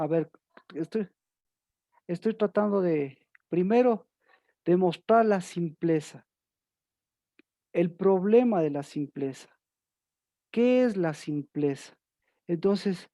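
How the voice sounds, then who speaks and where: Female preacher, emphatic and repetitive, warm low timbre, lively pitch. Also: vocal fry, no echo, studio quality. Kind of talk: sermon.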